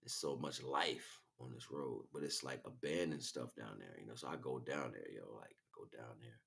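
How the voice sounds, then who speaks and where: A livestream host delivers a casual, rambling spiritual monologue in street slang, frequently checking in with rhetorical questions. His very deep voice has vocal fry and a fairly bright tone. He speaks at a moderate pace.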